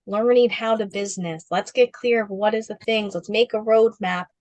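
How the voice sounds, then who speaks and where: This spiritual business coach, a woman guest in a casual interview, speaks at normal speed in a medium-pitched voice; the audio is lo-fi with no room sound. She's animated, leans heavily on "like" and other fillers, and drops into playful quoted voices and asides.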